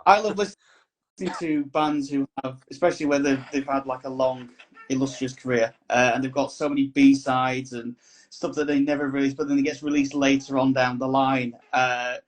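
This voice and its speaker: A man's voice: medium pitch, steady tone, normal speed. A man, a musician guest on a podcast, talking in a rambling, thoughtful casual chat. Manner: rambling, thoughtful, many restarts.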